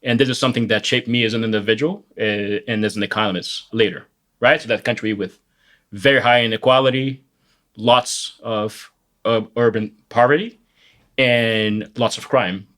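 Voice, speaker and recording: Brazilian-accented male economist, fairly low voice. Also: fairly even intonation, normal speed, fairly bright tone. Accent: Brazilian Portuguese. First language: Portuguese. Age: 40s. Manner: thoughtful, with frequent "uh" and self-corrections. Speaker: economics professor, guest. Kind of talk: conversational interview answers.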